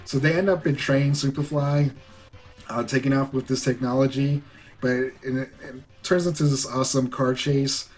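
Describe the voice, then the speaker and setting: Guy rambling through a movie recap, lots of like and you know, mid pitch, faint music behind. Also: steady tone, normal speed. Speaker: movie reviewer.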